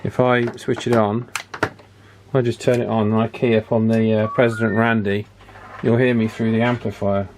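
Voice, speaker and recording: Working on a repair at his bench, a man who tinkers with radios narrates his thoughts into a camera mic in his home workshop, easygoing and prone to abandoning and restarting sentences. He has a somewhat low, darkish voice, level in tone and moderately paced, with a little hiss or hum.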